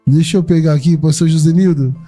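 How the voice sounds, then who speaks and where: A man's voice: on the high side, fairly even intonation, fast talker, mellow, faint music behind. A man with a Brazilian Portuguese accent hosting a casual church podcast interview, answering the guest with short church affirmations. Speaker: podcast host.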